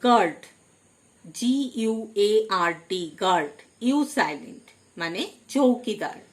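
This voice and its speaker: Slow, deliberate woman teacher. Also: medium pitch, expressive. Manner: slow, deliberate, stresses each headword. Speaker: English teacher. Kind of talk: slow vocabulary lesson, spelling words letter by letter.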